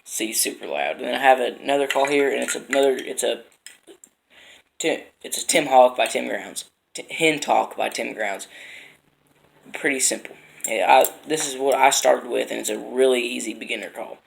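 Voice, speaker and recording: A man giving an informal how-to demonstration as an instructor, explaining in a halting, unpolished way. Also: mid-range voice, fairly even intonation, creaky. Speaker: instructor demonstrating duck and goose calls.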